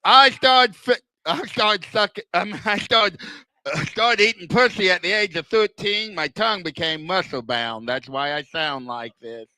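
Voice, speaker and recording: Older male comic, forceful and sharp, slurred whistling lisp as if front teeth are missing, self-deprecating stand-up. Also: sits high, dry recording. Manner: self-deprecating, deliberate punchline delivery. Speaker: stand-up comedian. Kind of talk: stand-up comedy routine.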